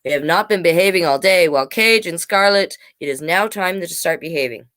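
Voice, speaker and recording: A woman who performs as a drag king hosts a storytime, reading a children's book aloud with expression and coaxing young listeners through little asides. Her voice sits on the low side, brisk and fairly bright.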